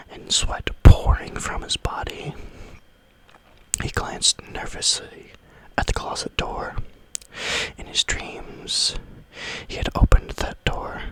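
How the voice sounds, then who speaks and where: A man narrates scary stories in a breathy ASMR whisper with no voice behind it. The delivery is very slow and deliberate, and the whisper has a bright, crisp edge. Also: low-quality recording. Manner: slow, deliberate read-aloud phrasing.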